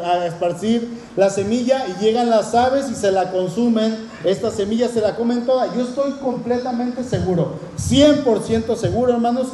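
High-voiced man preaching earnestly. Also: a little mellow, a little hiss or hum. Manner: earnest, addresses congregation with rhetorical questions. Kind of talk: sermon. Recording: roomy echoing hall.

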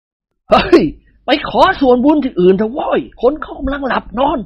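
A narrator putting on a gruff older nobleman, scolding and unafraid, husky, dry dull sound. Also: sits high, expressive, normal speed, dry recording, voice pushed up.

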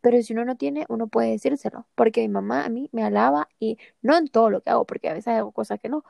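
Gravelly high-voiced woman podcast host. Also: quick pace, a little mellow, dry recording. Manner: earnest, encouraging, gives life advice. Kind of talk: casual advice chat.

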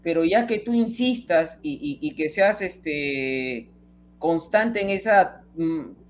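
A man's voice: a little high, slight background noise. A man giving long, rambling football analysis on a casual stream. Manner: rambling, repeats himself while arguing his point. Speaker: football pundit.

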